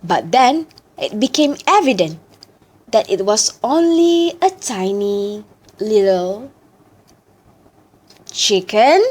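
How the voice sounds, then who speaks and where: A woman reciting a story in a deliberate, theatrical way, as practice for choral speaking. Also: mid-range voice, sing-song, darkish tone, slightly rough.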